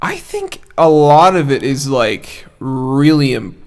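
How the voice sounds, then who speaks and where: A man's voice: mid-range voice, huge pitch swings, takes it slowly. Chatty, laugh-prone man on a podcast. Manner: chatty, laughs easily, enthusiastic fan talk. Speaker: podcast co-host. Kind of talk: casual chat.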